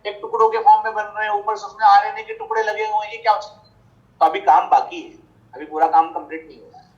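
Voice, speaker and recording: A man teaching a biology class online, asking rhetorical questions and answering them himself, repeating the key points. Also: sits high. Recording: slightly dull lo-fi audio.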